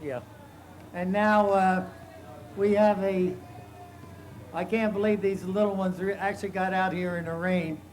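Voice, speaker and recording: A man's voice: high voice, flat delivery, measured pace, pauses often, darkish tone. A man announcing a town parade outdoors in the rain, folksy and hesitant with many fillers. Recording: noisy outdoor community TV recording.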